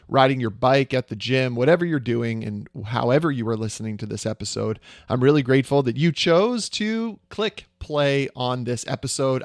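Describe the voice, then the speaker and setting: A man with a medium-pitched voice hosts a church podcast, opening with an upbeat, encouraging intro and then leading an interview. He's recorded at home on a dry close mic, with faint music in the background.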